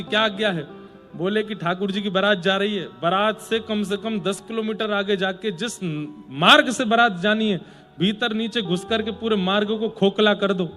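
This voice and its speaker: A man's voice: high-pitched, sharp tone. A man preaching a devotional sermon as a storyteller, playful with joking asides.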